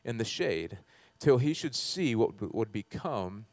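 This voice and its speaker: A man's voice: animated, unhurried, dry recording. A man preaching a sermon as pastor, talking conversationally, often checking in with "right?" and swelling with passion at key moments. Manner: conversational, keeps asking "right?"; passionate, rises loud and high at times.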